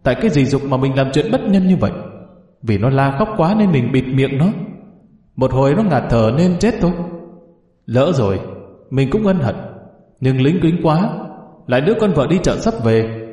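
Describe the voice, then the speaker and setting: A man's voice: animated, normal speed, long pauses, dark tone, roomy sound, in a large hall, natural voice. A man voicing a defensive, sly village man hiding a crime. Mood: brooding. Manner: defensive, evasive, higher-pitched when protesting.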